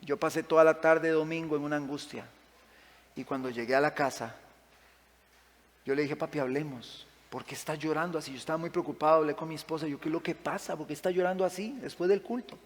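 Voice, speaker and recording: A man preaching a sermon as pastor, passionate, rising to loud emphatic peaks and sinking to quiet pleading. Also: a little high, steady tone, quick pace. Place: church sanctuary. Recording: long church-hall reverb.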